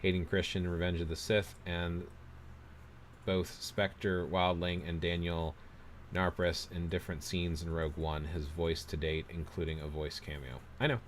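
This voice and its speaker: Man, very deep voice, casual livestream host, rambling opinionated chat, reads viewer comments. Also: little pitch movement, moderate pace, slight background noise. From United States. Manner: rambling, opinionated, self-deprecating.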